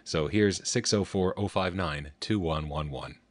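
A man with a strikingly deep, low-pitched voice narrates in an explanatory style. His delivery is technical and precise, setting out details step by step. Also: unhurried, very noisy. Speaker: narrator of telephone history recordings.

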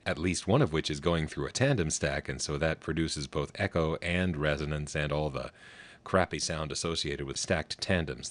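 A man with a strikingly deep, low-pitched voice narrates in an explanatory style. His delivery is technical and precise, setting out details step by step. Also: dry recording. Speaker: narrator of telephone history recordings.

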